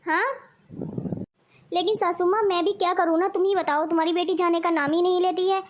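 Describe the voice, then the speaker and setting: A woman's voice: very high-pitched, fairly even intonation, a little fast, highs cut off. A woman voicing a smug, boastful young son-in-law in a cartoon. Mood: defensive. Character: lazy freeloading young son-in-law, man. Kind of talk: cartoon voice acting.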